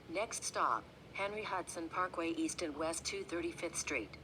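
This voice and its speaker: Woman, lower voice, automated bus stop announcement, measured and flat, noisy bus recording. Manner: flat, measured, clipped readout. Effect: bus stop announcement over the onboard speaker. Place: inside a moving city bus. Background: engine rumble and road noise.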